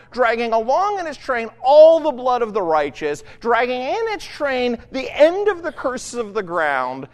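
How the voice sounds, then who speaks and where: A preacher in mid-sermon, the voice rising and falling dramatically as it drives through each point. Questions are tossed out to the listeners and then answered. A long, echoing reverb trails each phrase, as if from a large church hall. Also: mid-range voice. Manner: rhetorical questions, emphatic preaching.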